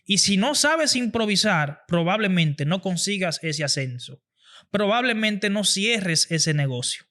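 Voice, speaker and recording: A man's voice: sits high, animated, unhurried, pushed and bright. A man hosting a podcast, giving an earnest motivational talk on public speaking and repeating phrases for emphasis. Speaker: podcast host.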